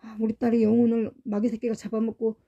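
A woman's voice: fairly high pitch, completely flat delivery, quick pace, vocal fry, warm tone, breathy edge, lo-fi sound. A middle-aged woman preaching a sermon, speaking with emotion, telling family stories and asking the congregation rhetorical questions.

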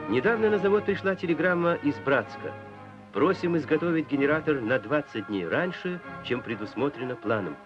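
A man's voice: on the high side, lively intonation, a little fast, highs cut off, over music. A man narrating a 1960s newsreel in a solemn, declamatory tone, on an old film soundtrack.

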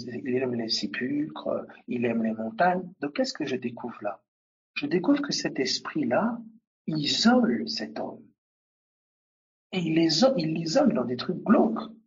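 Husky, lively-voiced preacher. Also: medium pitch, lo-fi sound. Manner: emphatic, addresses listeners directly and repeats key points. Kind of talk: sermon.

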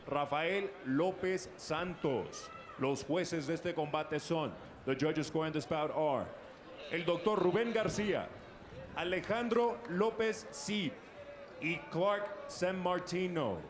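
A man announcing formally as a bilingual boxing ring announcer, in a theatrical, booming lucha libre announcer manner with drawn-out names. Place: boxing ring in a large indoor arena. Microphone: handheld microphone. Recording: echoey arena microphone with noisy background.

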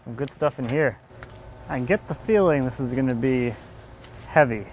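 A man's voice: mid-range voice, normal speed, noisy background. A man in his thirties casually explaining his work as he saws a log outdoors, thinking aloud and chuckling now and then. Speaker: woodworker running a sawmill. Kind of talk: casual on-site narration. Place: outdoors in a yard at a sawmill.

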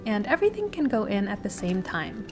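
A woman host calmly narrating a baking recipe step by step as a voice-over. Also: medium pitch, fairly quick. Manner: steady step-by-step instructional delivery. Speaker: cooking channel host. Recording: voice-over with music behind.

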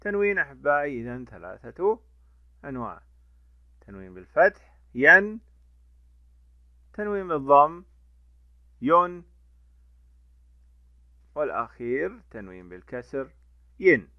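A man teaching a letter lesson to children, drawing out each sound slowly and repeating it. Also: mid-range voice, no room sound. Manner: lively, repeats sounds slowly for young learners. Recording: dull lo-fi dry recording.

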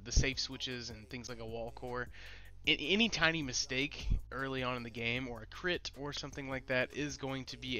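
Still stuffed up from a cold, this male host of an esports league delivers rankings commentary on his own. His mid-range voice is bright and forceful, with a pinched, nasal quality.

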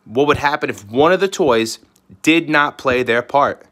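A man's voice: medium pitch, unhurried, fairly bright tone. A male teacher giving a recorded lesson to fourth graders, upbeat and addressing them directly. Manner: upbeat, talks directly to children.

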